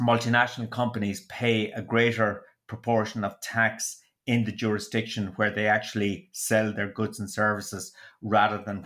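A man explaining tax policy on a podcast in a measured, hedging way. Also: on the low side, a bit bright. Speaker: economics commentator. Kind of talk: podcast discussion.

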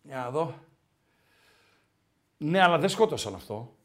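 A man hosts a relaxed football chat show. His voice sits high and swings widely as he talks, and he often repeats his own phrases. He reads viewer messages aloud in an animated, chatty way. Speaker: podcast host.

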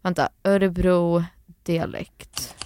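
A woman's voice: on the low side, dark tone, a little hiss or hum. A young woman co-hosting a podcast in casual chat, blunt and teasing, dropping English phrases into her talk. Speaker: podcast co-host.

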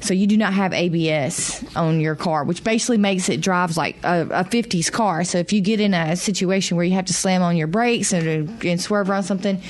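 Gravelly-voiced woman giving blunt car advice. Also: fairly low pitch, fairly quick, hardly any pauses. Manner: blunt, practical, direct. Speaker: auto mechanic advising callers. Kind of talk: radio call-in advice, casual.

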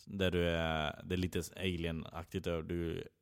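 A man with a low voice talks in a relaxed, joking way, dropping the odd swear word. He comes across as a guest on a casual podcast chat. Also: vocal fry, clean tone.

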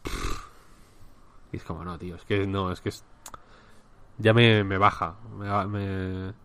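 Low-voiced Spanish man rambling in chat. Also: lively intonation, slow, vocal fry, fairly bright tone, clear, resonant tone. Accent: Spain. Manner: rambling, with frequent restarts. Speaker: podcast co-host. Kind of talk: casual chat.

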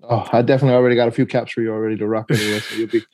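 Young man, co-host, mellow dark voice, easygoing hesitant chat, dry close sound. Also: mid-range voice, little pitch movement, rapid-fire, no echo. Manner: easygoing, hesitant, many "you know"s. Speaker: podcast co-host. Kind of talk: casual podcast chat.

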